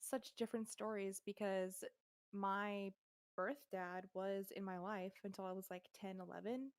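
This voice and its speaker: A woman's voice: medium pitch, fairly even intonation, measured pace, no echo. A young adult woman co-hosting a podcast, talking frankly and laughing through tough family stories. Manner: frank, laughs while telling hard things. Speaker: podcast co-host. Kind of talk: casual chat.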